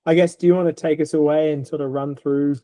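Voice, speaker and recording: A man's voice: fairly high pitch, steady tone, fast, warm tone, no echo. A man with an Australian accent co-hosting a vet podcast, talking in a laid-back, rambling way with many fillers. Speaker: veterinary podcast co-host. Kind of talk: casual podcast chat.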